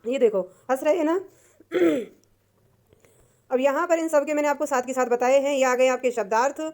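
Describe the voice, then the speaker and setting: Lady teacher walking through a lesson, high voice, patient, repeats stuff, keeps clearing her throat. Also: normal speed, darkish tone. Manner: patient, repeats and translates each word. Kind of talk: explaining a textbook lesson.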